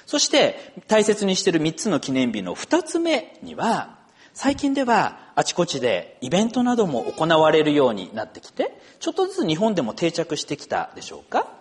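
A man's voice: fairly high pitch, wildly swooping pitch, moderate pace. A middle-aged man, a pastor, praying formally and then preaching a sermon with storytelling. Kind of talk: church prayer and sermon.

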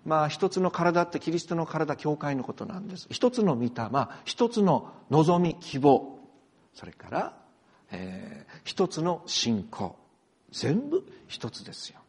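A man preaching a sermon as a pastor, animated and moving between soft, quiet passages and emphatic ones. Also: on the high side, measured pace, slightly rough, long reverb tail. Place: church.

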